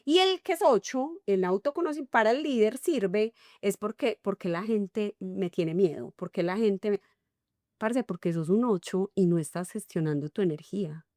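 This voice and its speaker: A woman's voice: mid-range voice, normal speed, dry recording, studio quality. A middle-aged woman with a Colombian paisa accent, a coach talking expressively in an interview and acting out little dialogues. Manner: animated, acts out little dialogues. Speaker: guest, enneagram coach. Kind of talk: conversational interview.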